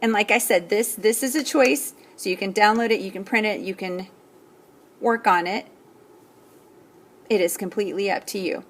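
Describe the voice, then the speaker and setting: A woman teacher slowly explaining an assignment to students step by step, often checking in with "okay?". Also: mid-range voice, fairly bright tone, slight background noise. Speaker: Spanish teacher. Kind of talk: recorded classroom lesson.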